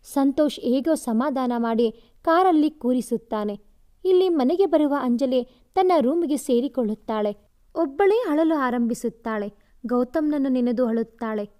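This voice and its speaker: A woman with a high voice narrating a romantic story. Her reading is dramatic and expressive, a storybook telling with plenty of feeling. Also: moderate pace.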